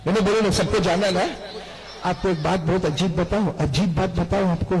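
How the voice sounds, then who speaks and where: A man preaching a lively storytelling sermon to a large seated gathering, calling on the crowd to answer back. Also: high-pitched, moderate pace, faint music behind, poor audio. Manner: calls on the crowd to answer back, repetitive and animated.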